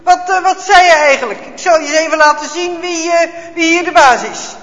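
A man voicing a gruff, bullying German army officer who shouts his orders. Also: very high-pitched, brisk, pitched above the performer's own voice. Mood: bellowing. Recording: echoey hall, dull lo-fi sound.

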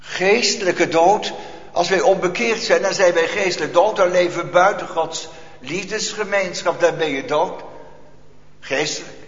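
High-voiced preacher in an echoey hall. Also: male voice. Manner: solemn preaching with rhetorical questions and long pauses. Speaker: pastor. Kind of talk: sermon. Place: church hall. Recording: echoey church hall, dull lo-fi.

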